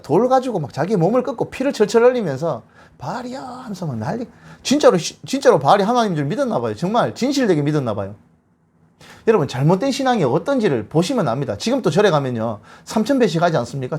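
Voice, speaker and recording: A man giving a bible lecture, retelling scripture as a lively story and acting out the quotes. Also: high voice, quick pace, breathy edge.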